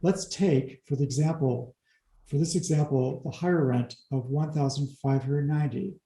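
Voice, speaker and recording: A man explaining real estate figures in an interview, talking fast through the numbers with wry asides. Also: a little high, fairly even intonation, mellow, roomy sound, rough recording. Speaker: commercial real estate advisor.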